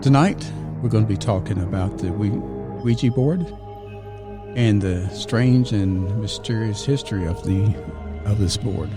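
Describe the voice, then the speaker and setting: A man hosting a paranormal podcast, talking in a relaxed, halting way with many fillers. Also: lowish voice, music in the background. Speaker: podcast host. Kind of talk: casual podcast chat.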